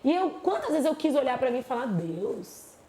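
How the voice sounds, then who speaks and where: A woman, a pastor chatting on a podcast, animated and acting out the voices she quotes. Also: high-pitched, fast talker. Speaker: pastor and psychologist guest. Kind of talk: casual podcast chat. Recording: echoey room with faint noise.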